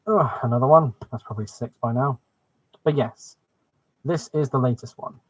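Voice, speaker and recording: Hosting a casual live stream about his hobby, a man chats enthusiastically and exclaims often in a husky, middling-pitched voice at a moderate pace. His microphone sounds muffled, with very little room echo.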